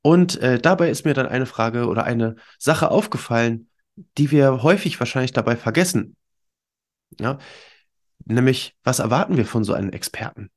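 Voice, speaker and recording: Male podcast host, mid-pitched, stuffed up with a cold; informal, emphatic coaching delivery straight to the listener. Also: lively intonation, normal speed. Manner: emphatic, conversational coaching with rhetorical questions. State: congested with a cold. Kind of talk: informal solo podcast talk, addressing listeners directly.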